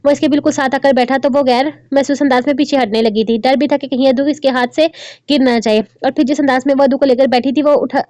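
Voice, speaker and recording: High-voiced woman reading a novel aloud. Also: steady tone, fast talker, darkish tone, no room sound. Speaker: narrator.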